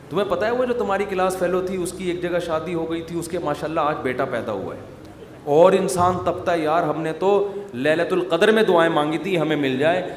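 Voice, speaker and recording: Male preacher, Pakistani Urdu accent, jokey sermon, roomy recording with faint hiss. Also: fairly high pitch. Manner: joking, teasing asides to the audience. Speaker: Islamic preacher. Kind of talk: humorous sermon. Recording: echoey hall with faint noise.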